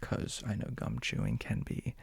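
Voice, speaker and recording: A man's voice: normal speed, no echo. A man whispering casually into a close microphone for an ASMR video, rambling and joking in a self-aware way. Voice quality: breathy whisper. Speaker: ASMR creator. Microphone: studio microphone with fuzzy cover, close.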